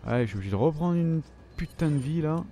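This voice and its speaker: A man's voice: on the high side, lively intonation, fast talker, dark tone, faint music behind. A French man commenting on his own gameplay, swearing and reacting as he plays. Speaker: gamer. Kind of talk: let's play commentary. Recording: noisy background.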